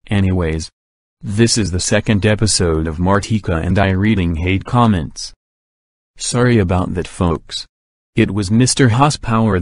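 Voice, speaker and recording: A man's voice: low-pitched, no room sound. A synthetic man's voice playing a young cartoon co-host, introducing the show in a stilted, formal way.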